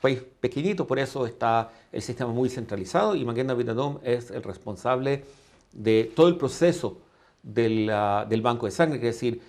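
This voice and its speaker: A man from Chile, an emergency management expert, answering interview questions calmly with fillers. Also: medium pitch, normal speed. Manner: calm, explanatory with fillers.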